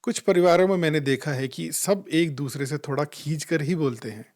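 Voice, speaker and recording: Male spiritual speaker, gentle storyteller, voice a touch high, easy and unhurried. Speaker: spiritual life coach. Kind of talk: calm reflective spiritual talk with anecdotes.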